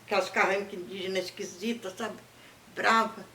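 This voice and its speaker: An older woman with a Brazilian accent, telling family stories in a lively way and acting out the people she quotes. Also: mid-range voice, moderate pace, echoey room. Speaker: interviewee. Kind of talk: oral history storytelling.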